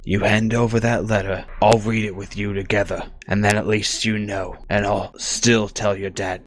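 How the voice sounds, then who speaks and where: Male player doing a gruff secretive huntsman, blunt and pushy, low voice. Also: level tone, normal speed, lightly acted. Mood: pushy, urgent. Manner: blunt, pushy, calls the boy "boy".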